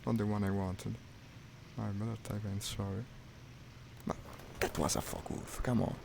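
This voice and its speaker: He talks at a moderate pace in a level, creaky voice on the low side. The gaming streamer plays a flight sim live, offering wry commentary half to himself, with noisy stream audio.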